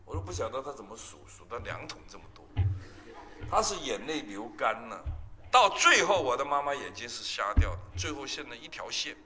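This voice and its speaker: A man's voice: mid-range voice, sing-song, fairly quick, crowd noise. A male pastor, giving an emotional testimony sermon with emphatic storytelling.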